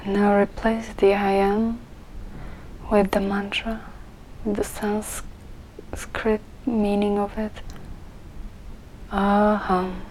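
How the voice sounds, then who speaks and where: A woman leading a guided meditation softly and gently, often in a breathy near-whisper. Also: mid-range voice, little pitch movement, drawn-out words, long pauses, slight background noise, poor audio.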